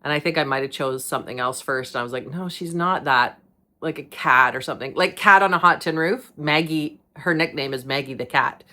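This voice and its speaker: Middle-aged woman host, low voice, chatty and rambling, laughs often. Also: fairly quick, few pauses, bright, forceful tone. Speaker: podcast host. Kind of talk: casual monologue.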